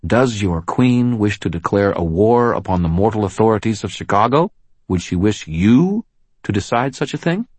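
A man's voice: on the low side, expressive, moderate pace, a little mellow, breathy edge, dry recording, voice pushed up. A man voicing a tough woman police officer who speaks firmly and defiantly in an audiobook. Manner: firm, clipped, defiant. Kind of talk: audiobook character voice.

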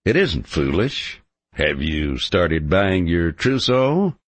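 A man voicing a bold, stubborn drifting cowhand in an audiobook, cocky and romantic, speaking bluntly and confidently in a gravelly voice. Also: sits low, very animated, slow pace, no echo, full character voice. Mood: teasing. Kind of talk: audiobook character dialogue.

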